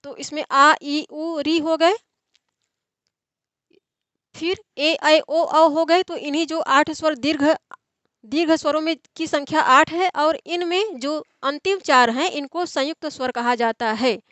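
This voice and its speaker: A woman's voice: high voice, measured pace, fairly bright tone, dry recording. A young woman tutoring for an exam in an online lecture, explaining step by step and answering her own questions. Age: young adult.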